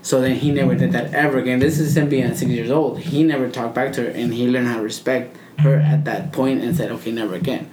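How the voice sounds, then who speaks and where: A man's voice: mid-range voice, steady tone, quick pace, a little mellow. A man telling stories in a casual podcast chat, blunt and profane. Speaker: podcast participant. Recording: echoey room with faint noise.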